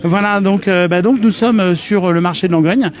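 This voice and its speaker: High-voiced chatty male host. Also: moderate pace. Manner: chatty and joking, many restarts. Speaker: host of a local web TV channel. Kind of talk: live street interview. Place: outdoor market.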